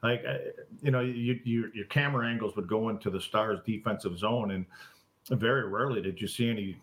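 Low-voiced man in casual sports talk. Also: brisk, fairly bright tone. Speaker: podcast co-host, hockey analyst.

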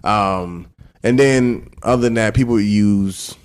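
A man's voice: lowish voice, measured pace, smooth. A man, a stand-up comic in a casual podcast chat, talking right into a cheap mic so his voice comes out fuzzy and distorted. He rambles loosely and trails off and restarts phrases. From Washington DC area. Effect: fuzzy, distorted sound from a cheap mic held right at the mouth. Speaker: stand-up comedian guest. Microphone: cheap handheld mic pressed against the mouth.

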